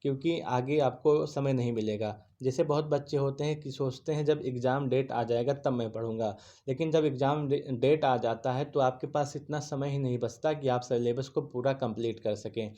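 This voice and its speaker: A man with a warm, mid-range voice gives a casual spoken lesson to exam aspirants at a moderate pace. He is earnest and repeats himself, often restarting words mid-sentence.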